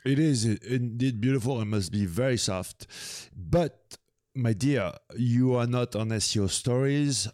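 A man's voice: mid-range voice, unhurried, a little mellow, no echo, clean studio sound. A man hosting a casual podcast chat, teasing and hesitant, with many fillers. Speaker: podcast host.

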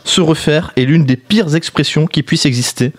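A man with a French accent co-hosting a radio show, briskly presenting a list of tips. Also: a little high. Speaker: radio co-host.

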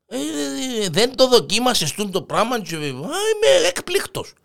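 A man with a Cypriot Greek accent voicing an excitable little male hare that squeals and pleads. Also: gravelly, full character voice. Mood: astonished. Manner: squeaky, pleading, breaks into shrill cries.

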